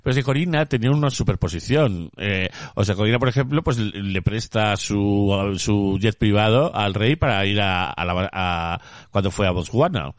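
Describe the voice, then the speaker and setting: Low-voiced laid-back man. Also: expressive, moderate pace, no room sound. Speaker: podcast co-host. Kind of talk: casual chat.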